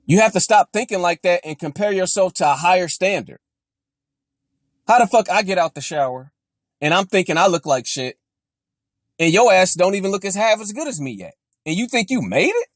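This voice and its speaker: A man's voice: sits high, dry recording, studio quality. A young man, a fitness vlogger delivering a blunt, mocking motivational rant full of swearing.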